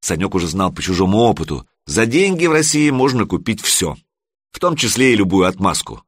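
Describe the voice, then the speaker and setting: A man reading an audiobook in a measured storytelling manner. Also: on the low side, sing-song, breathy edge, dry recording, studio quality. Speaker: audiobook reader. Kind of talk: audiobook narration.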